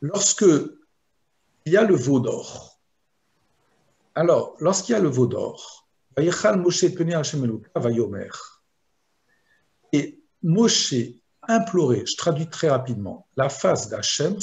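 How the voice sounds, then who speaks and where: Rabbi giving a slow, unhurried Torah lesson, fairly high voice, chants verses aloud. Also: male voice, very animated, creaky, darkish tone. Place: video lesson.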